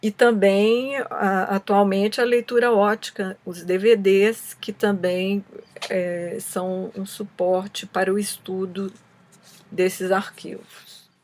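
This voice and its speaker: A woman with a Brazilian Portuguese accent giving a scripted explanation as a presenter, reading in a measured way with occasional small stumbles. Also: mid-range voice, level tone, a little mellow. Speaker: presenter answering a film student's questions.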